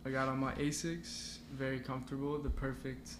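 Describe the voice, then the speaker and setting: Young man, podcast guest, flat delivery, echoey room, audible background noise. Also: medium pitch, normal speed. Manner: laid-back, rambling with fillers. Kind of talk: casual chat.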